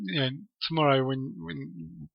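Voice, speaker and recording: A man's voice: fairly high pitch, steady tone, vocal fry. A man co-hosting a podcast, chatting playfully about an old film and joking with his partner. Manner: playful, jokey, quick to agree. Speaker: podcast co-host. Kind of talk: casual film discussion. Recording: dull lo-fi podcast audio.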